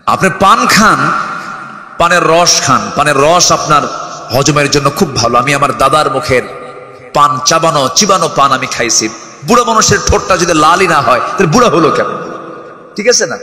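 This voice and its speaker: Guy preaching loud to a crowd, pitch a bit high, big echo trailing off. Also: normal speed, long pauses. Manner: animated, keeps calling on the crowd to answer louder; shouts at peaks. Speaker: Islamic preacher. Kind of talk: fiery sermon to a crowd. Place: open religious gathering. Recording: echoey with long reverb.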